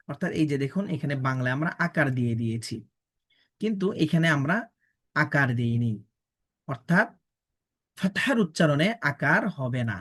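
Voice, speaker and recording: A man with a Bangladeshi Bengali accent leads a Quran pronunciation lesson. He speaks very slowly, stretching out each Arabic syllable and repeating it for his learners. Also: fairly high pitch, fairly bright tone. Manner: slow, drawn-out syllable drills. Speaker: Quran teacher. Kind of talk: slow recitation lesson.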